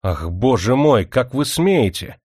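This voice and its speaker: A man's voice: medium pitch, normal speed, darkish tone, no room sound, studio quality, natural voice. A man voicing a proud young princess in a spoken story, pleading and indignant by turns.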